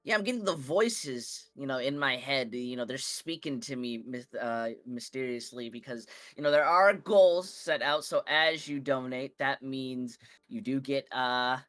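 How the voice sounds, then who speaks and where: A man's voice: medium pitch, measured pace, a bit bright, dry recording. A man casting a live video game match, rambling and playful with lots of fillers. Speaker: esports caster. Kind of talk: casual live game commentary.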